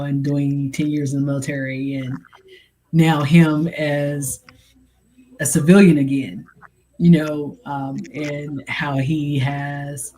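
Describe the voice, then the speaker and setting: A middle-aged woman hosting a podcast, talking casually and reflectively with frequent pauses and fillers. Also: low-pitched, darkish tone, poor audio. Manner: reflective, pauses with many ums and you-knows. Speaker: podcast host. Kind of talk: casual chat.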